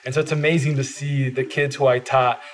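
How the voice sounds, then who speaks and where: A man whose first language is Spanish appears as a podcast guest in a studio, speaking earnestly in a casual interview and saying "uh" often. He advocates for bilingual education, and his mid-range voice moves little in pitch at a fairly quick pace.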